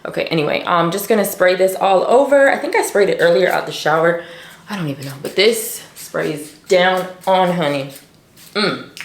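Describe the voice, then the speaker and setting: Getting ready in a hotel room that echoes, a woman fashion vlogger chats with viewers in a fairly low, expressive voice at normal speed. Her casual talk is playful and chatty, and she speaks to them as "you guys" and "y'all."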